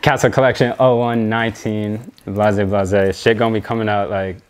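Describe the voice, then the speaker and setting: A man's voice: fairly low pitch, level tone, moderate pace, smooth. A young Canadian man, a designer, chatting casually in an interview, loose and slangy with lots of fillers and swearing. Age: young adult.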